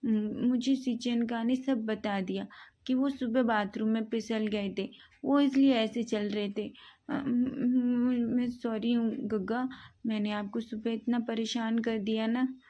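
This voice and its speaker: A woman voicing an innocent, timid young man who speaks softly and stammers. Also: on the high side, steady tone, slow, lo-fi sound. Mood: timid pleading. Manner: hesitant, stammering, soft.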